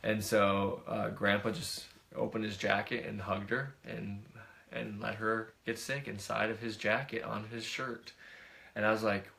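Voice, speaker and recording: A man co-hosting a family talk show, telling a family story in a relaxed, chatty way. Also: lowish voice, unhurried, gravelly. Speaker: co-host. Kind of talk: casual storytelling chat.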